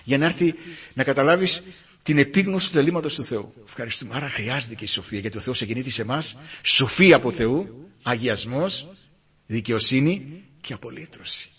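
A man preaching a fervent sermon, breaking into hallelujahs and rising from quiet murmurs to loud emphatic peaks. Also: animated, breathy edge. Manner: fervent, exclaims hallelujah between points; rises from low murmurs to loud emphatic climaxes. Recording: muffled lo-fi recording.

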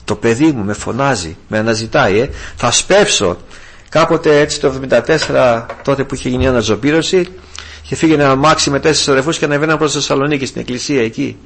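A man's voice: medium pitch, fairly bright tone. An older man preaching a sermon with fervor, calling his listeners brothers. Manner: fervent, addresses listeners as brothers.

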